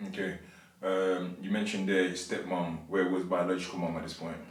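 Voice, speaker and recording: A man's voice: sits low, little pitch movement, normal speed. A man hosting a podcast and asking his guest easygoing questions. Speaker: podcast host. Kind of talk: casual interview chat. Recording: echoey room, mic at a distance.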